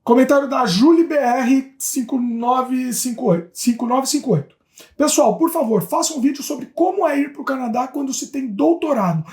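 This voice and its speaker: Casting note: woman from Brazil, co-host, higher pitch, chatty comment reader, roomy echo. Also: normal speed. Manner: lively, reads comments aloud, chatty asides. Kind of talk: casual chat reading viewer comments. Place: home in Canada.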